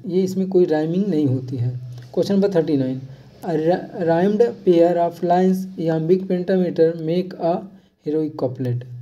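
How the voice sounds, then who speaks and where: A teacher leading an exam-prep lesson, reading each question slowly and repeating key terms. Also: medium pitch, mellow, far from the mic. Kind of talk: exam-prep lesson, mixing Hindi and English. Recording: dull lo-fi sound from off-mic.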